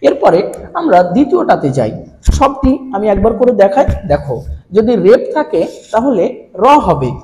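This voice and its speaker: A man's voice: high-pitched, very animated, moderate pace, warm tone. A male teacher giving a pronunciation lesson to students, asking questions and repeating each answer as a drill. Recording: roomy with long reverb.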